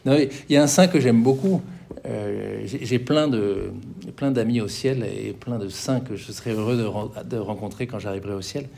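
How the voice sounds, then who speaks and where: Earnest, halting middle-aged Frenchman. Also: lowish voice, gravelly, warm tone. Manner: earnest, halting with many restarts and fillers. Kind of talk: public talk, personal testimony.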